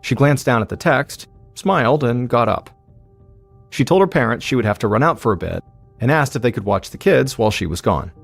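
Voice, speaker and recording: A man hosting a podcast, telling a true-crime story in measured, suspenseful scripted narration. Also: medium pitch, expressive, gravelly, dry recording, faint music behind. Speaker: podcast host.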